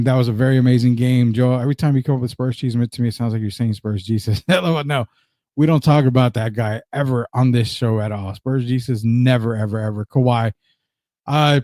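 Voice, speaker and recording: A Spanish-speaking man from Puerto Rico hosts a casual sports talk show, emphatically repeating his points to drive them home and reading out viewer comments. His mid-range voice has a warm tone, recorded in clean studio sound with no room ambience.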